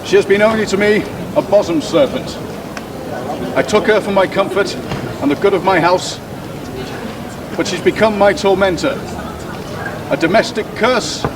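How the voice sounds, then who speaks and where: A man playing an aggrieved nineteenth-century husband auctioning his wife, in pompous, declamatory street theatre. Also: high-pitched. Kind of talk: theatrical public oration in street performance. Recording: distant outdoor voice, crowd and traffic noise.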